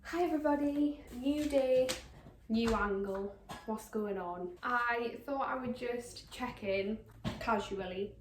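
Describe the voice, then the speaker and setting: A woman's voice: a little high, takes it slowly, a little hiss or hum. A young woman chatting casually to camera in a living room she is painting, full of fillers and casual swearing. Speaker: vlogger.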